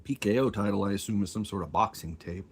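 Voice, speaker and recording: Man, low-pitched, casual aside-heavy chatter around a cough drop; faint fan hum. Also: quick pace, gravelly. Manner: muttering, musing aloud with many asides. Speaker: collector showing his tapes. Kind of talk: casual offhand commentary. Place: room at home with a fan running. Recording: faint fan noise behind.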